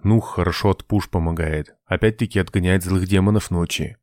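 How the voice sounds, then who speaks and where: A gruff, quick-to-rage sea captain with a low, rumbling voice, barking and grumbling his lines in an audiobook tale, as a male narrator puts him on. He sounds dry and close to the mic. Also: steady tone, a little mellow, no echo, natural voice. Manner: growling, barking. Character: gruff coarse male ship captain, hot-tempered noble.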